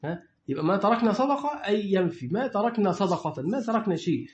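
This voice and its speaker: High-voiced Egyptian teacher in echoey room. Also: male voice, sing-song. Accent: Egyptian Arabic. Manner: quizzes the class with quick questions. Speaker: religious teacher. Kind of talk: classroom lecture. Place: lecture room with students. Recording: echoey room, dull lo-fi sound.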